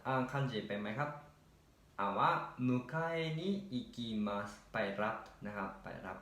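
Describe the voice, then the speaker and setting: A man walks students through grammar answers at a patient, steady pace. His voice sits in a middle range and is neither high nor low. The recording has a noticeable room echo. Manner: patient, repeats "นะครับ" often and reads example sentences slowly. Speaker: Japanese language teacher. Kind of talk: explaining grammar answers step by step.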